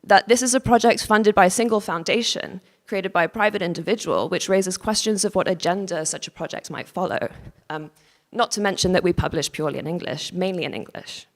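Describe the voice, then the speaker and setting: Woman lecturing in a reverberant hall. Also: lowish voice. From Hong Kong. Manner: measured, formal reading with occasional restarts and apologies. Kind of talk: reading a prepared conference lecture. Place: conference hall.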